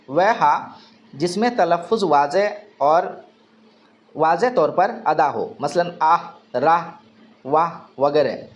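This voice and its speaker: A male teacher giving an exam-prep grammar lesson, asking questions and answering them himself, repeating key terms. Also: high voice.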